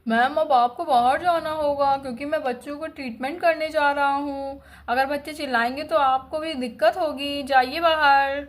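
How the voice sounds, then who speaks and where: A woman's voice: sits high, fairly even intonation, normal speed, few pauses, close to an everyday voice. A woman voicing a bossy, strict male doctor in a doll story, scolding and giving orders. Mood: stern. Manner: stern, scolding.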